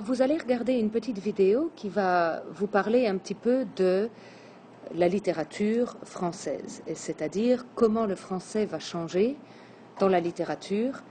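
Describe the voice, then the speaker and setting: A woman teacher giving a lesson on poetry, counting out syllables slowly and deliberately. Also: mid-range voice, dark tone, slight background noise. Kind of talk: classroom lesson on verse.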